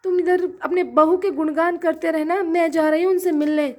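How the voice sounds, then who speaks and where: A woman voicing a sharp-tongued, scheming middle-aged aunt in a doll-play drama, loud and scolding. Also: extremely high pitch, fairly even intonation, normal speed. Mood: scornful.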